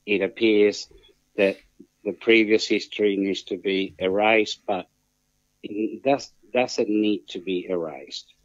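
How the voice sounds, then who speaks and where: An Australian man speaking as a phone-in guest, measured and formal, with halting, deliberate phrasing. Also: on the low side, fairly even intonation, no room sound. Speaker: phone-in guest on a football show. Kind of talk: measured discussion. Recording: muffled lo-fi phone line, very dry.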